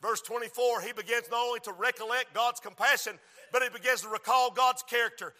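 Casting: a man preaching in a big reverberant hall, high voice with a sharp edge, repeats his phrases, rises to shouts. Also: steady tone, fairly quick. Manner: rhythmic repetition, swings from quiet to shouting. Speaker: preacher and school principal. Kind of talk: sermon.

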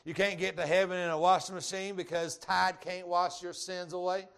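A middle-aged male preacher speaks in a rural Georgia drawl, pitched a little high for a man. His evangelical delivery is folksy and plain-spoken, built on repetition and direct questions to his listeners. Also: flat delivery, moderate pace, vocal fry, a bit bright, smooth. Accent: Southern US, rural Georgia. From Georgia, United States. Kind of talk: evangelical sermon with altar call.

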